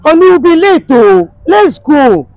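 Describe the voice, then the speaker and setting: A woman's voice: high-pitched, big pitch swings, a little slow, darkish tone, dry recording, heavily acted, poor audio. A young woman with a Nigerian, West African accent playing an exasperated, pleading wife in a comedy skit. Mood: impatient, coaxing. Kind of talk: naturalistic comedy skit acting. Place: outdoors on a street.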